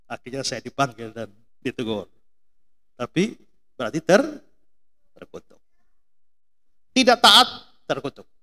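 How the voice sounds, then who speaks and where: A man's voice: medium pitch, moderate pace, pauses often. A middle-aged man from Indonesia preaching a sermon, telling stories and firing questions at the congregation. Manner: animated storytelling, mimics voices, asks congregation questions. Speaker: pastor.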